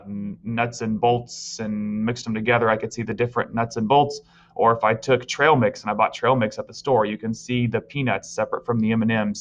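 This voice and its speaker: A man's voice: mid-range voice, fairly bright tone. A male teacher giving a recorded virtual science lesson, explaining step by step and telling students what to write down. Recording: slightly dull lo-fi audio.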